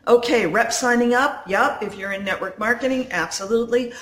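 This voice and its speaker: Speaking from her condo on a phone, a woman coach hosts a live stream, talking to viewers directly in a natural, unscripted, conversational way. Her voice is on the high side and brisk, and the recording sounds roomy and echoey.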